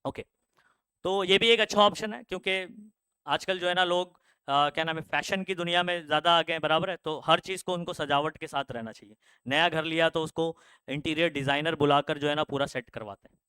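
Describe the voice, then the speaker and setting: A young man teaching a class about careers speaks in a casual, conversational way, asking frequent check questions and using lots of fillers. His voice is on the high side, steady, fairly quick and sharp, with a clear, resonant tone. The recording has no room sound.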